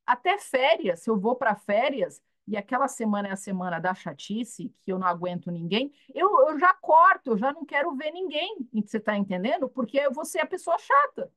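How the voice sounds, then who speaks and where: A woman's voice: fairly high pitch, fairly quick, hardly any pauses, dry recording. Chatty woman hosting a live video Q&A. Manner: chatty, animated, mimics dialogue, asks "entendeu?". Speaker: host of a live online Q&A for women. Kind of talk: casual live Q&A talk. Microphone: video call.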